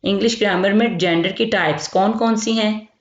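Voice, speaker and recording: A woman from Pakistan teaching a grammar lesson. She explains slowly and keeps checking in as she repeats each term. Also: mid-range voice. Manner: explains slowly, repeats terms, says "theek hai" often. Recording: lo-fi echoey room.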